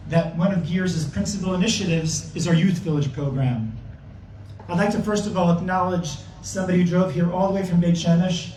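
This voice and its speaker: Man, high mellow voice, joking gala host, echoey distant hall. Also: a little hiss or hum. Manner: joking, plain-spoken. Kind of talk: introducing a speaker at a gala. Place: banquet hall. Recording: echoey hall, mic far off.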